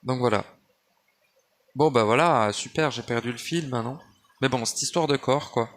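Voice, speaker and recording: Man, home-recorded spiritual ramble, digressive, restarts a lot, mid-pitched. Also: normal speed, a bit bright. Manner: digressive, many restarts and fillers, addresses listener as tu. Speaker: spiritual speaker. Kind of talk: rambling spoken monologue. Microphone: handheld phone or basic mic.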